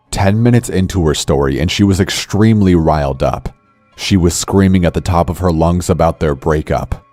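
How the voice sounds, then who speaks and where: A man narrating a scripted horror story in a calm, measured way. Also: low-pitched, no room sound. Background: faint music.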